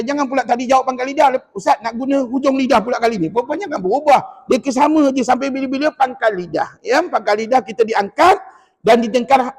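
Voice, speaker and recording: In a mosque hall with long reverb, a Malaysian Malay-accented man whose voice is extremely high with a breathy edge leads a Quran recitation class. He models every sound for the students to repeat and quizzes them along the way.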